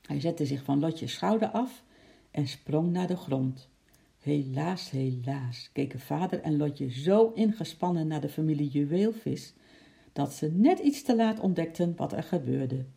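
Expressive children's storyteller, gravelly, deep dark colour, playful sound effects. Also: a little slow.

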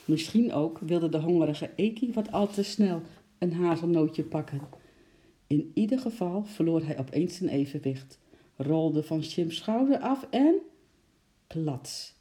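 A storyteller reads a children's book aloud with a very dark, mellow tone. The reading is lively and expressive, and it plays up the sound words. It is a warm, plain read-aloud. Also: mid-range voice, a little slow.

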